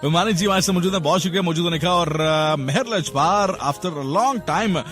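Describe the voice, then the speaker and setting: A male radio host with a high voice who keeps the banter rolling, teasing his callers and laughing a lot. Music plays under the talk of the broadcast. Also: normal speed, a bit bright. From Pakistan. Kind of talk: lively radio show banter.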